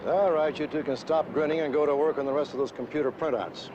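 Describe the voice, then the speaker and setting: A man playing a commanding, dryly wry police captain in a 1970s television crime drama, with a brisk, authoritative manner. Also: on the high side, fairly even intonation, dull audio, noisy background, natural voice. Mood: wry, teasing. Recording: 1970s TV soundtrack with music.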